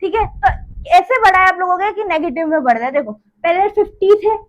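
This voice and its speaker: High-pitched woman maths teacher. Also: brisk, muffled recording. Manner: chatty, repeats each step with "theek hai". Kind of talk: casual classroom lesson.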